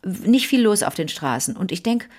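A woman's voice: mid-range voice, a little fast. A middle-aged woman co-hosting a podcast, telling stories in a casual chat and acting out what people said. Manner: animated storyteller, acts out quoted voices. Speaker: podcast co-host.

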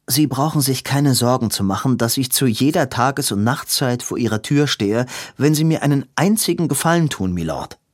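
Exasperated young man, read by a male narrator, loud and pleading, pitched high in a dry storybook reading. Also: expressive, normal speed, hardly any pauses, dry recording, close to an everyday voice. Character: impatient, earnest young man, polite but exasperated.

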